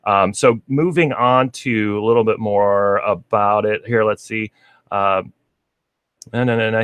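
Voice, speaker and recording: Male radio host, low voice, dry studio sound, chatty and laughing. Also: a bit bright, no echo. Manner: chatty, laughs often, reads aloud with asides. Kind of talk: casual radio talk show, reading breed facts.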